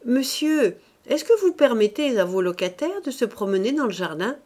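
A woman's voice: on the high side, big pitch swings, moderate pace, a little mellow. A woman reading the part of a fussy, chattering lodger wife in an audiobook, in an eager, wheedling manner.

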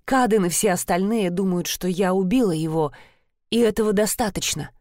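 A woman's voice: medium pitch, moderate pace, darkish tone, no room sound, studio quality. A young woman narrating a first-person novel in a dramatic, tense storytelling manner. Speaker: audiobook narrator.

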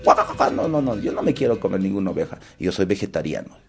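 A squealing, frantic little fox. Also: male voice, low voice, expressive, fast talker, vocal fry, a little mellow, soft background music. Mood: nervous. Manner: squealing, yelping, pleading.

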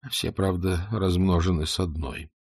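A man voicing a frightened middle-aged male doctor under interrogation, pleading and breaking into hysterical shouts. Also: low-pitched, fairly even intonation, normal speed, slightly rough, no room sound, clean studio sound. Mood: nervous.

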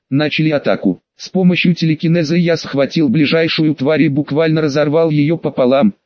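A man reads a first-person audiobook in a steady, measured way. His voice sits slightly high and sounds close and dry, with no room echo. The audio is a little muffled and lo-fi. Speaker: audiobook narrator.

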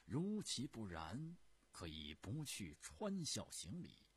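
A male storyteller voicing a principled court minister who argues in measured, drawn-out, dogged speech. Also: fairly low pitch, huge pitch swings, slightly rough, pitched above the performer's own voice, heavily acted. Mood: resolute.

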